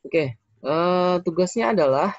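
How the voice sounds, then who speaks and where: Indonesian guy teaching english, slow and repeats stuff, dry dull recording. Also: high-pitched, expressive, no echo. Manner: explains slowly, repeating phrases, with fillers. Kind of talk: recorded classroom lesson.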